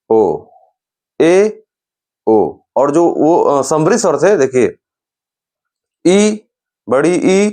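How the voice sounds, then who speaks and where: A man teaching grammar in a lecture style. He explains slowly, repeats sounds and terms, and keeps calling the listener's attention. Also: fairly high pitch, a little mellow.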